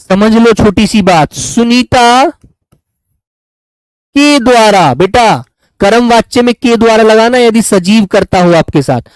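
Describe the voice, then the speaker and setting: A man's voice: high-pitched, darkish tone, dry recording, poor audio. A man teaching grammar to a class, patiently repeating examples and calling on students by name. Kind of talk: classroom lesson.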